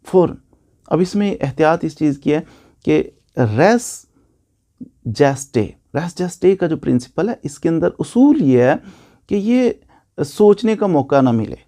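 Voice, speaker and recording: Delivering a casual law lecture, this Pakistani-accented man has a warm, sing-song voice that sits fairly high and moves at an unhurried pace. He goes over points more than once and poses questions only to answer them himself.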